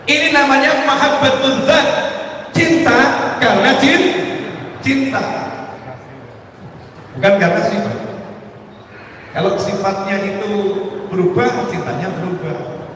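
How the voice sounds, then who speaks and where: Man, preacher, sermon, lively colloquial storytelling, emphatic, distant mic, echoey hall. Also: extremely high pitch, a little slow, long pauses, slight background noise. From Indonesia.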